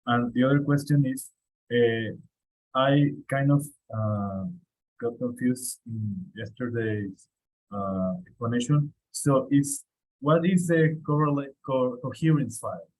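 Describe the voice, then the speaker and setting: A man's voice: medium pitch, slow pace, a little mellow, poor audio. A man, a course participant, asking hesitant questions with many restarts on an online call. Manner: hesitant, repeats words, many fillers. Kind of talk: online office hours question. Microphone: video call.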